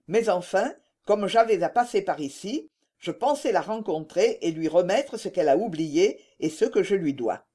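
A woman's voice: fairly low pitch, animated, normal speed, dark tone. A woman voicing a sly, shameless rural farmer who feigns indifference, in a read-aloud story.

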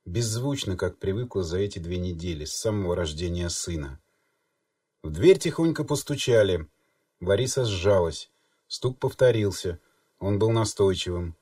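A man reading an audiobook in measured, even storytelling narration. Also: deep voice, dry recording, studio quality, distant mic. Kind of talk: scripted narration.

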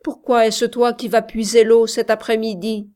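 A woman's voice: on the high side, measured pace, a little mellow, lightly acted. A jealous, eager young shepherd from a storybook, as a woman reader puts him on. He presses with urgent questions, and his voice is only lightly set apart from the narration.

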